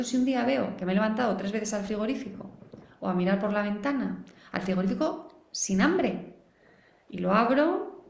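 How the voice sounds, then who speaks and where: Woman, live online class, explanatory, acts out quotes, mid-pitched, echoey room. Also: darkish tone. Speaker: parenting educator.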